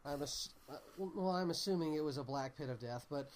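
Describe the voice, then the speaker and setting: A man's voice: on the high side, fairly quick, slight background noise. A man chatting casually about films on a podcast, emphatic and joking. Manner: emphatic, joking, puts on mock voices. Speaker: podcast co-host. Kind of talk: casual chat.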